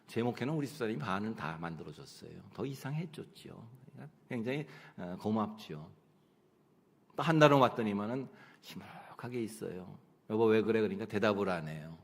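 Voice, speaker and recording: A middle-aged man preaching a sermon, telling personal stories in an animated way and acting out his own prayers and conversations. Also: lowish voice. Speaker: pastor. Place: church sanctuary. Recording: long church hall reverb.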